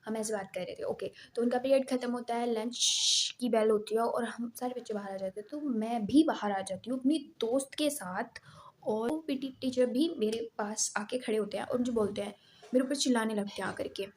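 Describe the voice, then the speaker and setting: A young woman telling a personal story in a casual, emphatic, animated way. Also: fairly high pitch, moderate pace.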